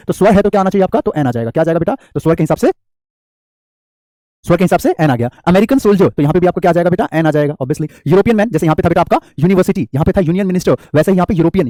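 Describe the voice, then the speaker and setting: A man's voice: on the high side, warm tone, dry recording, clean studio sound. A man teaching an English grammar class, explaining patiently and asking his students questions. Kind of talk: classroom lesson.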